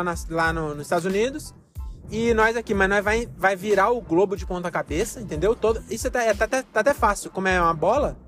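A man who does stand-up, chatting casually after a show in a rambling, self-mocking, jokey way. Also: sits high. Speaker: stand-up comedian. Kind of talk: casual post-show chat.

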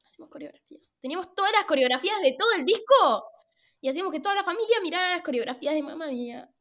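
A woman in her twenties with a Rioplatense Spanish accent, co-hosting a film podcast with teasing, quick-witted banter. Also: extremely high pitch, lively intonation, a bit bright. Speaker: podcast co-host. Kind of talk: casual chat.

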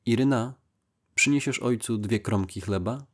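A gruff, exacting father, once an army officer, grumbles in short, curt phrases, as a male audiobook reader voices him. His voice sits fairly low and stays close to the narrator's own. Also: moderate pace, lightly acted. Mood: grumbling.

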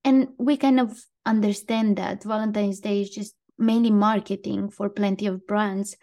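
A woman's voice: mid-range voice, fairly even intonation, moderate pace, warm tone. Woman co-hosting a chatty podcast. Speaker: podcast co-host. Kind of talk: casual podcast chat.

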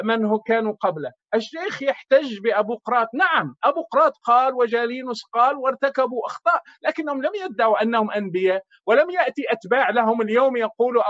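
A man's voice: very high-pitched, fairly bright tone, dry recording, lo-fi sound. A man making a dismissive, argumentative case in a debate.

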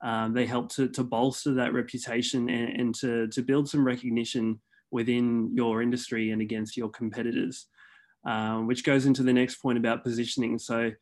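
A man speaking as a communications manager and guest on a webinar, measured and restarting his sentences often. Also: medium pitch, little pitch movement, darkish tone. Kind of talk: explaining on a webinar. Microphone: video call.

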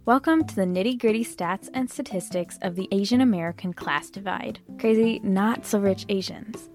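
A woman hosts an explainer episode, reading her script in a measured, earnest way. Faint music plays softly under her voice. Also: medium pitch. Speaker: host. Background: faint background music.

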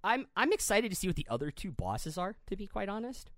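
A man chats casually as a podcast co-host, his pitch swinging lively up and down. He often stumbles and repeats words while he thinks. The sound is dry and close. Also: fairly quick, no echo. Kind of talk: casual chat.

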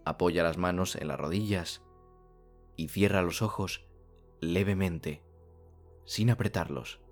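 A man from narrates a soothing guided sleep meditation like a bedtime story narrator, speaking calmly in slow phrases with long pauses. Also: deep voice, soft background music.

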